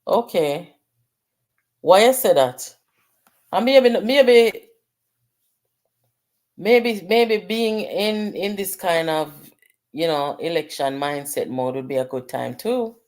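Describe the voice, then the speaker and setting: A middle-aged Jamaican-accented woman hosts a casual livestream, speaking directly to her viewers in a voice that sits very low for a woman. She reads out comments while slipping easily between patois and English. Her delivery is animated yet slow and a little mellow, with frequent pauses.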